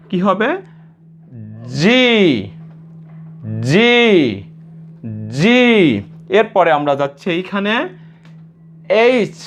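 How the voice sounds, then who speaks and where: A man's voice: sits high, dull audio. A man with a Bangladeshi Bengali accent giving a spoken English pronunciation lesson, patiently repeating each letter sound three or four times.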